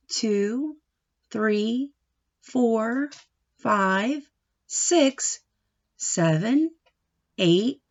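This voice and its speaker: A woman with a fairly high voice teaches young children through a picture book. She speaks slowly in short, instructive phrases and puts expression into the reading. The recording sounds slightly dull and lo-fi. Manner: instructive, asking questions and answering them. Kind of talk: read-aloud lesson for young children.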